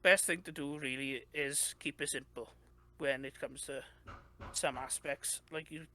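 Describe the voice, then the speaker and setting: A young adult Welsh game developer, chatting as an interview guest, talks in a fairly high, sharp voice that stays steady at a measured pace. He rambles, restarting often and leaning on fillers, and his Welsh accent is clear against a noisy background.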